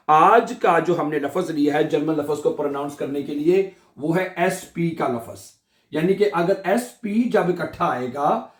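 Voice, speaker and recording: A man with a slightly raised voice teaches a casual online language lesson. He is chatty and repetitive, often pausing to check that listeners follow. The sound is roomy and echoey. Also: fairly high pitch, a little mellow. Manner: chatty, repeats "theek hai" often, checks understanding.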